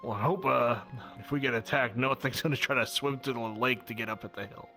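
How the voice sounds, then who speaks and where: A man's voice: medium pitch, steady tone, brisk, pushed and bright, faint music behind. A man role-playing in an online game, chatting in character with a hesitant delivery and stammered restarts. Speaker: role-play game player. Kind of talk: in-character improvised chat in a game.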